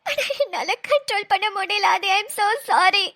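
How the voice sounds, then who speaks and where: A woman's voice: very high voice, animated, a little slow, pushed and bright, full character voice. A woman voicing an emotional young woman who longs for her lost brother, speaking earnestly and pleadingly in a cartoon. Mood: tearful. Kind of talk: cartoon voice acting.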